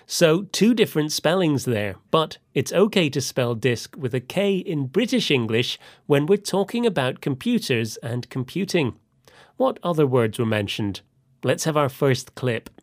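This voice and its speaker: A man presenting a scripted language lesson with a lively, measured delivery. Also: on the high side, no echo, clean studio sound.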